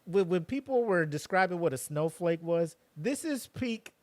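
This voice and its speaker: A man co-hosting a podcast in casual chat, animated and sarcastic, full of slang. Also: high-pitched, moderate pace, no echo. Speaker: podcast co-host.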